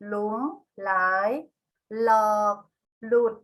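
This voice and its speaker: A middle-aged woman teacher giving a patient, slow classroom lesson, spelling out one example word after another.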